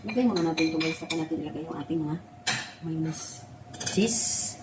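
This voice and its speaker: A woman's voice: sits low, fairly quick, heavy background noise. A middle-aged woman chatting with her viewers while she cooks. She tells stories from her past, laughing and tearing up as she talks. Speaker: cooking vlogger. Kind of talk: casual cooking chat and personal storytelling.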